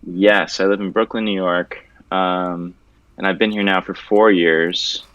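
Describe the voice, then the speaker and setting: A low-voiced young man from Venezuela chats loosely as a guest artist, joking and swearing now and then. The audio is dull and dry, with no room around it. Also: steady tone, a little slow, fairly bright tone, no echo. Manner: laid-back, loose and joking, with casual swearing. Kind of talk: casual interview chat.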